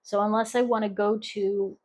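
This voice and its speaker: A woman's voice: mid-range voice, flat delivery, normal speed, a little mellow. A middle-aged woman from the United States chatting casually on her crochet vlog, rambling with restarts and fillers. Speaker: crochet vlogger. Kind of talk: casual chat.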